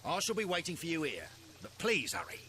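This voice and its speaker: Brief: a formal police inspector for a game, bright tone, lively delivery. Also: male voice, fairly high pitch, brisk, slight background noise, exaggerated voice. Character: police inspector reporting a murder to the detective, formal. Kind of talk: game voice acting.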